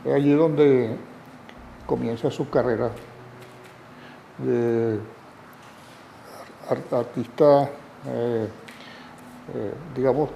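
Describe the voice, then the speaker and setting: A man explains his subject slowly in a documentary interview, hesitating and filling his pauses. His voice is mellow and dark, and the room around him echoes. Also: medium pitch, steady tone, creaky, slight background noise. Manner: slow, hesitant, with fillers. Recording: roomy interview audio.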